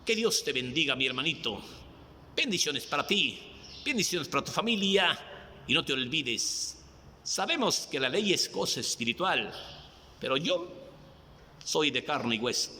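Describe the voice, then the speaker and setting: Man, preacher, slow emphatic delivery, bright voice, long reverb. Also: medium pitch, a little hiss or hum. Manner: slow, emphatic, rising and falling pleading questions. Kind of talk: devotional Bible reflection.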